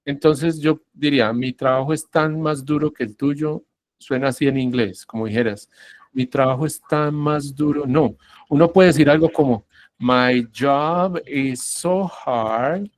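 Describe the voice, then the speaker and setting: A man teaching an English pronunciation class, explaining patiently, checking in often with his students and modelling words slowly. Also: fairly high pitch, fairly even intonation, a little mellow, no room sound. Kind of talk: online English lesson.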